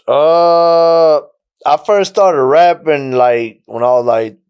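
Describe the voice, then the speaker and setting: Smooth-voiced man, laid-back storyteller. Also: on the high side, slow. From Mexico. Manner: relaxed storytelling, frequent "you know what I'm saying". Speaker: rapper guest. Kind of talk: casual podcast interview.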